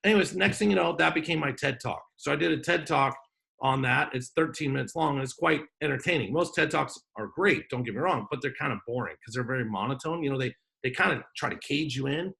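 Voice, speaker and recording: A man's voice: mid-range voice, fast, gravelly, sharp tone. A man hosting an online business workshop over a video call, talking in a joking, off-the-cuff way. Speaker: workshop host.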